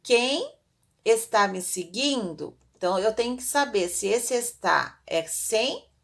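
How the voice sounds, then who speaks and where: A woman's voice: a little high, expressive, slow pace, gravelly. A woman teaching a recorded class lesson, patient and drawing out her example words.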